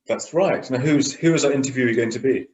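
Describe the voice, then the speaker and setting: A man's voice: mid-range voice, fairly quick, a little mellow. A middle-aged man hosting a casual chat, talking loosely with lots of fillers. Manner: chatty, many "you know" fillers. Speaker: host. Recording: roomy echo.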